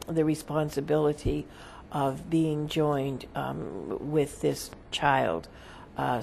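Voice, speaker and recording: Seance medium channeling, gravelly fry, halting solemn delivery, formal phrasing, faint background noise. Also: mid-range voice, a little mellow. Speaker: seance medium, trance channeler speaking as a spirit. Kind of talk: seance medium trance channeling, answering questions as a spirit.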